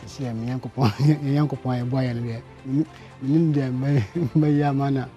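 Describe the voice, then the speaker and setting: Mellow-voiced Ghanaian man, easy interview. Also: mid-range voice, fairly even intonation, moderate pace, dull audio, faint music behind. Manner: chuckles between phrases. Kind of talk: interview in a local language.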